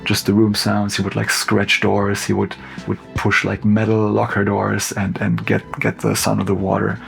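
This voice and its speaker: A man with a German accent gives casual behind-the-scenes commentary, his voice low and heavily gravelly. He speaks in an even, unhurried way with little rise and fall, and soft music plays faintly behind him. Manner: relaxed, loose, sprinkled with "like" and "you know". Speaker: cinematographer.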